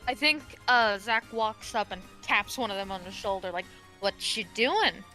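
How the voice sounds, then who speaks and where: A woman's voice: mid-range voice, moderate pace, bright, forceful tone, soft background music, rough recording. A woman playing a tabletop game, talking in a casual, playful, teasing way. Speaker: player.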